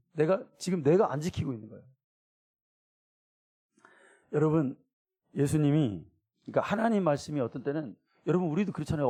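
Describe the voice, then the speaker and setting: A man's voice: a little high, dark tone. A middle-aged man preaching a sermon as pastor, acting out everyday quotes in different voices.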